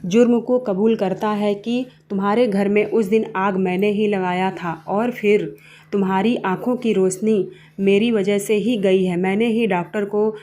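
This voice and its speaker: A woman's voice: medium pitch, steady tone, measured pace, warm tone. A woman narrating a family moral story in a plain, simple storytelling way.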